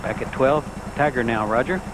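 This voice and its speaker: Male golf commentator over loud outdoor noise. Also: medium pitch, normal speed. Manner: golf commentator delivery in short clipped phrases.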